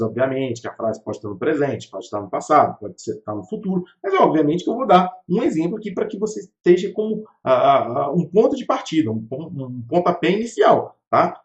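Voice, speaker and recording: A man from Brazil gives a relaxed online English lesson in a lively voice that swings up and down a lot. He keeps checking in with his listeners and slows right down to model each English phrase. His voice comes through a roomy, slightly dull livestream recording. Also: a little high. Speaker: English teacher.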